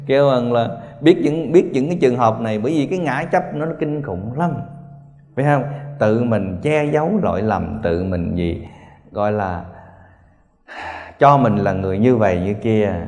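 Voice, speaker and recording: Man preaching in an echoing hall. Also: mid-range voice. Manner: storytelling, animated, laughing, repeated rhetorical questions. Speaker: spiritual teacher. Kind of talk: sermon to meditation students. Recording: long hall reverb, faint music.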